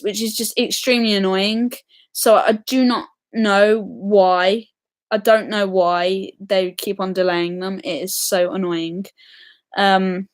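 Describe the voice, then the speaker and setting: A woman hosting a casual live stream, chatty and excitable, answering viewer comments with lots of ums. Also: mid-range voice. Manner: chatty and excitable, many ums, reacts to comments as they come.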